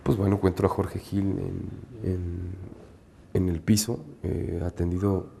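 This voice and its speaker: A man with a very deep, gravelly voice speaks in a flat, dark tone. He recounts a painful event steadily, pausing on hesitant fillers. Faint noise sits behind him. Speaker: interviewee. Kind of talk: recounting a personal memory.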